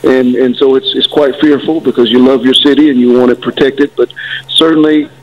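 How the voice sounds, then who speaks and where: Man, city official, average pitch, measured and hesitant delivery, lo-fi telephone interview sound. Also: steady tone. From Florida, United States. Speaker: city mayor. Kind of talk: phone interview on live news. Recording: dull, band-limited phone line.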